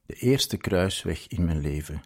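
A man reading a story aloud in a measured, scripted narration. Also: low voice, lively intonation, a little mellow, husky.

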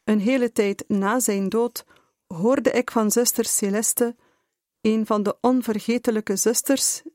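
A woman reading a memoir aloud in a measured, deliberate way. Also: a little high, steady tone, a little mellow, dry recording, clean studio sound. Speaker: reader.

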